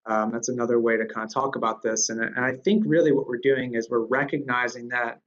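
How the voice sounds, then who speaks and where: A man speaking in a relaxed conversational discussion, thinking aloud with many fillers and restarts. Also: mid-range voice, a little fast, dull audio. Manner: thoughtful, with frequent fillers and restarts. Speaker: guest speaker on DevOps.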